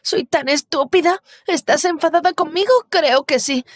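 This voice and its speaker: A woman voicing an anxious, self-pitying teenage girl who rushes her apologies in an animated story. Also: high-pitched, no echo, studio quality, voice pushed up, natural voice. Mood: anxious pleading.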